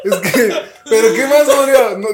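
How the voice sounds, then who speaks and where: A man's voice: very high-pitched, normal speed, crowd noise. A man, co-hosting a casual comedy chat, often laughing and using local slang. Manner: laughs through lines, uses local slang. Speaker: podcast co-host.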